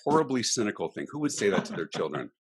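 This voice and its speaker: Middle-aged man, podcast guest, low husky voice, swooping lively delivery, emphatic and ranting. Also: quick pace. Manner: emphatic and ranting, with vivid examples. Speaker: podcast guest, customer experience speaker. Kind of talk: animated interview talk.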